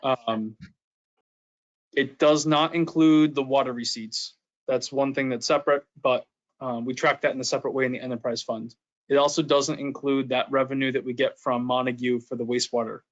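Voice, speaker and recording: A man's voice: medium pitch, steady tone, moderate pace. Man explaining budget charts, dull audio. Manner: explanatory, methodical. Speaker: town administrator. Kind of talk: public meeting discussion.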